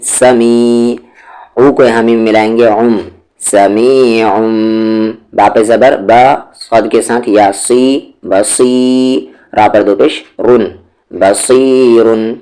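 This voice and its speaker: A man's voice: medium pitch, warm tone. A man teaching Quran recitation in a lesson, spelling out syllables one at a time and then drawing out the joined word.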